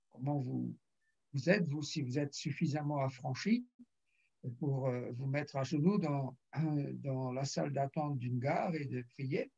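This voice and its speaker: Pasteur âgé à la voix rauque. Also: male voice, medium pitch, dark tone, lo-fi sound. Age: older. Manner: storytelling, acts out dialogue, frequent throat clearing. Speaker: pastor. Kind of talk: sermon testimony.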